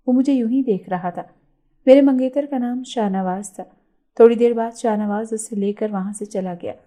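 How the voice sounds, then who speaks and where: A woman calmly narrating a first-person story, reading the dialogue in her own even voice. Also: on the high side.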